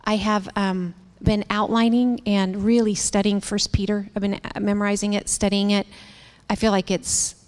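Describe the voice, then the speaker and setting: A woman in her fifties hosting a devotional talk, candid and animated, laughing as she tells stories. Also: mid-range voice, moderate pace. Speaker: women's ministry host. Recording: long reverb.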